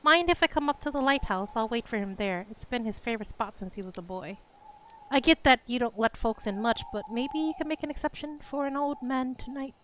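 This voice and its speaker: A woman's voice: fairly high pitch, brisk, a bit bright, voice pushed up, natural voice. A woman voicing a worried old village elder man, weary and pleading, on a noisy recording. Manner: weary, pleading, then gruff.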